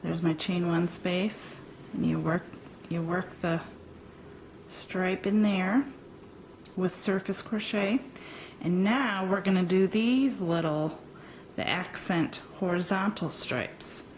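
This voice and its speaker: A woman teaching a crochet tutorial step by step, pausing often with ums while she works. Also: lowish voice, slight background noise, rough recording. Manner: slow, hesitant with frequent ums, talking while working. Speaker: crochet instructor.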